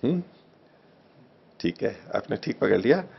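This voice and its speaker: Gravelly man teaching patiently. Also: lowish voice, sing-song. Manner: patient, slow, repeats phrases while checking wording. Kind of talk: text study class, reading and correcting a translation. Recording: dull lo-fi recording.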